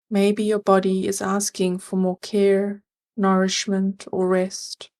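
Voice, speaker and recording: A woman with a medium-pitched voice leads a scripted guided meditation, offering soothing, gentle directions at a measured pace.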